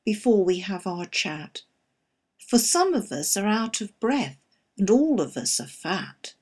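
A woman's voice: mid-range voice, very animated, unhurried, darkish tone. A woman voicing naive, anxious little oysters in a verse story, pleading with their companions. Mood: flustered.

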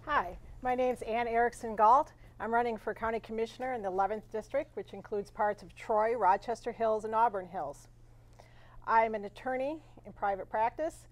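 A woman in her forties from western Michigan, giving an earnest campaign statement at a candidate forum, with frequent pauses on "uh". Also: fairly high pitch. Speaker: candidate for county commission.

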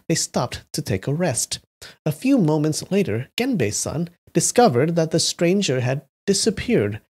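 An elderly grandmother recounting a fox tale in a high, gentle voice, as a man reading aloud puts her on. She tells it in an unhurried storytelling manner, pitched well above a man's usual register. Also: slightly rough, full character voice.

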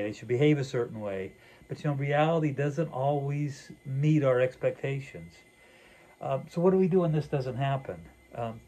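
A man's voice: mid-range voice, mellow, poor audio. Older man, earnest conversational preacher. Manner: earnest, reflective, with fillers and frequent "you know". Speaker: pastor. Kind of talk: conversational sermon dialogue. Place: small wood-paneled room indoors.

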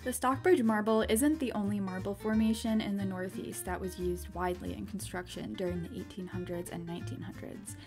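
A woman's voice: mid-range voice, fairly even intonation, fairly quick, few pauses. Woman narrating geology over music. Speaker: geology video host. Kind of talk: scripted science narration. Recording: background music under voice-over. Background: background music.

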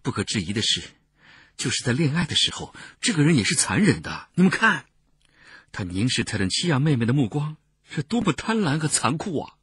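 A male narrator voicing an excitable young Roman man who exclaims eagerly as he points things out in a crowd, in a storybook reading. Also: medium pitch, a little fast, slightly rough, dry recording, pitched above the performer's own voice, exaggerated voice. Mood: excited.

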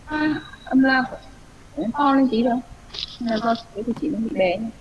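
A woman student in an online English class, reading words aloud slowly and carefully. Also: a little high. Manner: slow, careful word-by-word pronunciation. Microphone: video call. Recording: dull lo-fi online call with faint hiss.

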